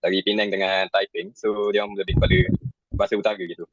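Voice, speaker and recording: A man's voice: fairly low pitch, level tone, fast, background noise. A young man from Perak, a university student, answering interview questions casually with many fillers and English words mixed in. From Perak, Malaysia. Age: young adult. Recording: dull lo-fi sound.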